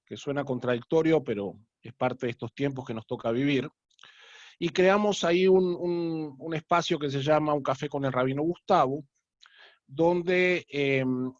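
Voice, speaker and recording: A man hosts a casual interview over a video call, his voice sitting a little high for a man. He speaks in an unhurried, friendly way with plenty of filler sounds. The sound is dull and lo-fi, with a very dry room. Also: no echo. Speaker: rabbi and host.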